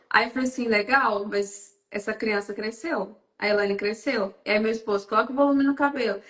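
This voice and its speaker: Woman guest on a faith talk, lively storyteller acting out dialogue, high voice, roomy sound. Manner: animated storyteller, acts out dialogue. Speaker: psychoanalyst guest. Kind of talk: casual faith-based talk.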